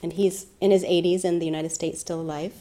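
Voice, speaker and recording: Soft-spoken woman teaching meditation. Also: fairly low pitch, steady tone, a little fast. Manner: soft-spoken, thoughtful, with gentle laughs. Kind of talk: reflective dharma talk.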